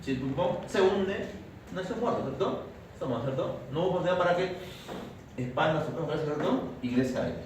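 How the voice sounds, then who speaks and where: A male physiology lecturer with a Peruvian accent, teaching a class and constantly checking in with his students with "right?" and "are we clear?". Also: a little high, lively intonation, fairly quick. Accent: Peruvian Spanish. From Peru. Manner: checks in constantly with "¿cierto?" and "¿estamos?". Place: large echoey classroom. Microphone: distant camera mic. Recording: echoey, far from the mic, noisy room.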